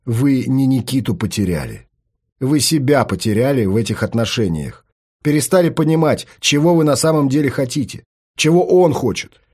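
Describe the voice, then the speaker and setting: A man reading an audiobook, voicing a bold, provocative male psychologist who speaks low and insistently. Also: animated, moderate pace, a little mellow, husky. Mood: calm.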